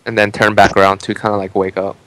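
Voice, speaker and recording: A man at a tabletop game describes what his character does in a loose, laid-back way. His voice sits fairly low. It sounds dry and close. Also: monotone, quick pace, pushed and bright, no echo, rough recording. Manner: laid-back, describing actions with likes and restarts. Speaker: player.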